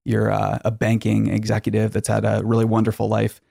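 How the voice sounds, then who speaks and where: Gravelly-voiced man chatting on a podcast. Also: lowish voice, monotone, a little fast, mellow, no room sound, clean studio sound. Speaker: podcast host. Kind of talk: casual podcast chat. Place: garage.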